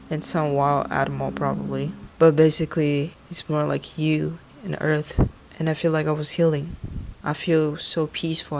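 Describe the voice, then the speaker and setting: Low-voiced earnest young woman from Taiwan. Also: a little hiss or hum. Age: 20s. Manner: earnest, musing, sometimes swearing. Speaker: vlogger. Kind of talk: reflective personal monologue.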